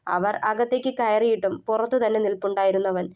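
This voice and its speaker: A woman author narrating her own novel in a steady storytelling voice. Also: mid-range voice, brisk, clear, resonant tone, muffled recording.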